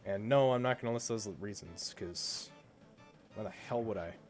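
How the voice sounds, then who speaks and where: A man's voice: on the low side, normal speed, darkish tone, soft background music. A man streaming a game while sick, groaning and poking fun at himself in casual chat. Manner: groaning, self-mocking complaints.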